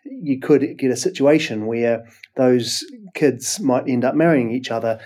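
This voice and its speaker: A man's voice: mid-range voice, unhurried, darkish tone. A man, a fertility specialist, explaining answers in an interview with hesitant fillers.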